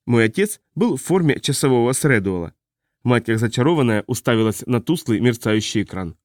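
Male audiobook narrator, first person, measured and calm, middle pitch, dry studio sound. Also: dry recording.

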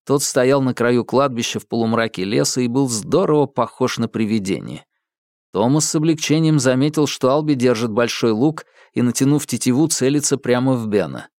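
A man reading an audiobook in a measured, dramatic storytelling manner. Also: mid-range voice, darkish tone, no room sound, clean studio sound. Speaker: narrator. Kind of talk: audiobook narration.

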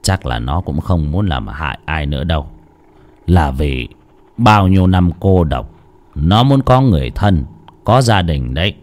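A man voicing an old male exorcist who speaks low and measured, with sighs. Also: big pitch swings. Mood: weary, resigned.

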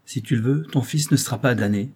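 A man's voice: medium pitch, a little fast, mellow, breathy edge. A man reading the part of a sly, smug male devil striking a bargain, in a cool mocking manner, in an audiobook.

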